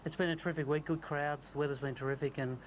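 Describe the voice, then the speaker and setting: A man's voice: a little high, steady tone, fast, a little hiss or hum, poor audio. A man speaking as a sports executive in an informal broadcast interview. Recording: broadcast with clear background ambience.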